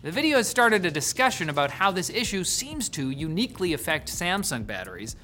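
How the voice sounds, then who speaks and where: Lively sarcastic tech news host. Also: mid-range voice, fairly quick, a little hiss or hum. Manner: lively, sarcastic, swings from loud to hushed. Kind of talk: scripted tech news with jokey asides.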